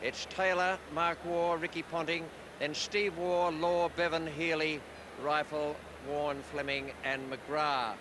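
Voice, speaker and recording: A man's voice: fairly high pitch, level tone, measured pace. A man presenting and commentating on live cricket for a broadcast. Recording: very noisy outdoor stadium broadcast.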